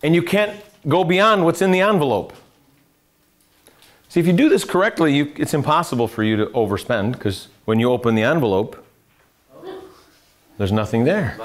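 A middle-aged American man, a financial adviser, giving a live classroom lecture with a conversational manner, quizzing the room and dropping dry sarcastic asides. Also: a little high. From United States. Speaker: financial adviser teaching a seminar.

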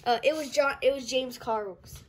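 Woman doing a high, mild little fox plush sidekick, kinda unsure. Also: moderate pace.

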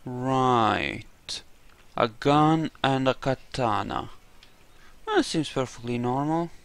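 With a mid-range, creaky yet smooth and fairly bright voice, a man narrates a video game playthrough casually, delivering it slowly but with animation. His let's play commentary slips into in-character roleplay, full of laid-back dry humor and offhand swearing.

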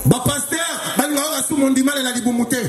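A Congolese man doing live stand-up, telling animated stories and shouting out the punchlines. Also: very high voice, fast talker. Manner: animated, often shouting punchlines, mixing two languages. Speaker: stand-up comedian. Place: live stage in a hall. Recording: echoey live hall with music.

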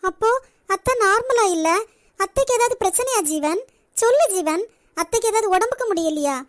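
A woman voicing a gentle, apologetic young college woman in a cartoon, with a Nagercoil Tamil accent. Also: very high voice, expressive, normal speed, dry recording, studio quality. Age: young adult. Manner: soft, apologetic, pleading. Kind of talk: cartoon voice acting.

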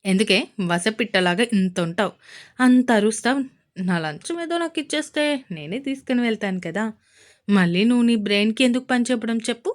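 A woman's voice: a little high, lively intonation, fairly quick, close to an everyday voice. A woman voicing a playful young husband in a romance audio story, teasing and mock-scolding his wife.

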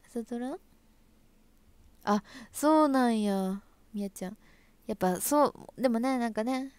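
A young woman with an Osaka accent hosts a casual live stream, chatting playfully and reacting to viewer comments. Her voice sits a little high. The sound is close and dry. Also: darkish tone, no room sound. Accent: Osaka Kansai dialect. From Osaka, Japan. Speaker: livestream host and stage actress.

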